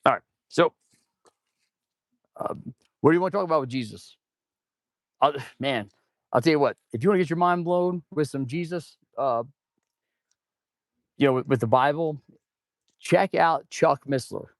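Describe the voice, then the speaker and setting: A mechanic streams live from his auto shop, talking casually while working and addressing viewers as "guys" and "man." His slightly high voice moves at a moderate pace with long pauses, his stuffy nose forcing loud mouth breathing as he rambles. The recording is dry.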